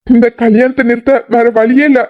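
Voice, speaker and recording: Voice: mid-range voice, little pitch movement, fairly quick, narrow, tinny audio, lightly acted. A voice actor playing a remorseful middle-aged father in a cartoon drama, lamenting and blaming himself. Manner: lamenting, self-blaming, then angry.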